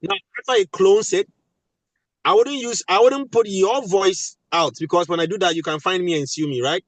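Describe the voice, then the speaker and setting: A man with a Ghanaian, West African accent speaks emphatically in an animated webinar panel, repeating key phrases for weight. He is a voice actor and audio producer with a high-pitched voice and moderate pace, recorded dry but at low quality.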